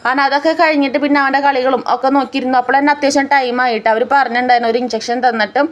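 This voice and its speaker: A woman from the tells her family's day in a chatty voice-over. She talks quickly and her voice sits a little high. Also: fairly even intonation, lo-fi sound. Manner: chatty, tells the story step by step. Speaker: family vlogger. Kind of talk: casual voice-over narration.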